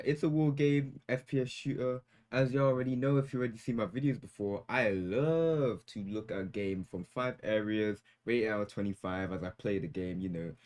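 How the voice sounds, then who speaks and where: A man's voice: fairly low pitch, darkish tone. A young man giving casual, joking gameplay commentary as a gaming YouTuber, hyped and full of slang.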